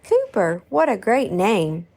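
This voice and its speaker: A woman's voice: mid-range voice, huge pitch swings, slow pace, gravelly, darkish tone. A woman speaking in character in a hobby audio story, eager and friendly.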